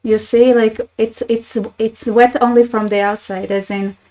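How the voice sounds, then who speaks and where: Woman hosting her channel, chatty and wry, kinda monotone, lots of restarts. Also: on the high side, a little slow, rough recording. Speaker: channel host. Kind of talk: casual commentary reading posts.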